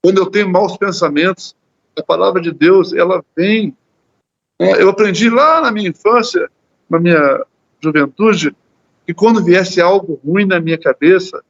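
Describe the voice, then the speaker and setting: A Brazilian man leads a church Bible study in a fairly high voice. He talks earnestly, stumbling over and repeating words as he goes. The audio is dull and lo-fi, like a church livestream. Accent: Brazilian Portuguese. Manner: earnest, repeats words while searching, often adds "né?". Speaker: lay preacher.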